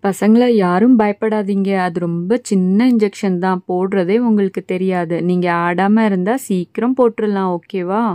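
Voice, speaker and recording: A woman's voice: mid-range voice, steady tone, moderate pace, few pauses, dark tone, no room sound, close to an everyday voice. A woman voicing a kindly doll nurse. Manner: kindly, matter-of-fact. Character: doll nurse, brisk and kind.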